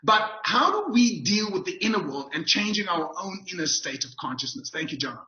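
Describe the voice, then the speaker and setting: A man's voice: high voice, expressive, a little fast, pushed and bright. A man giving an upbeat, emphatic webinar talk as a motivational speaker, repeating his key phrases over a video call. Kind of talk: webinar presentation. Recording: roomy, dull video call audio.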